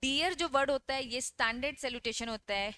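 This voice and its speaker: Bright-voiced woman teacher lecturing. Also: high-pitched, brisk, clear, resonant tone, dry recording. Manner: asks students questions and answers them herself; reads English lines from the text, then explains them. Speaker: exam-prep teacher. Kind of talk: online lecture.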